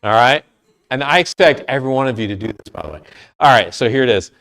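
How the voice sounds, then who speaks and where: A man runs a trivia game for a youth group, and his voice swings up and down as he talks. He is playful and easygoing, and he gets loud when he wants the room's attention. His pitch sits in the middle of the range. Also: fast. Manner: playful, lively, loud at times.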